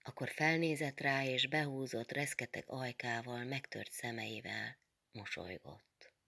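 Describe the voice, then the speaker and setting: Very low, gravelly woman reading a novel. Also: fairly even intonation, fairly bright tone. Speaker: reader. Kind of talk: literary reading aloud.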